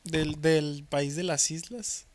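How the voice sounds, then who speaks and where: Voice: medium pitch, fairly even intonation, slow pace. A podcast co-host, teasing and laughing often in casual banter.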